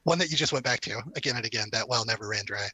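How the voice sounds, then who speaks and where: A man speaking as a guest in a casual chat, wry and deadpan. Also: medium pitch, racing, slightly rough, dry recording.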